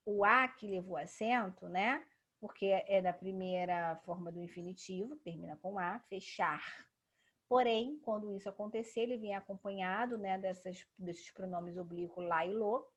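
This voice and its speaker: Husky Brazilian woman teaching grammar. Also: medium pitch. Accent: Brazilian Portuguese. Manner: patient, explanatory, frequent tag questions. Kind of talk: classroom grammar lesson.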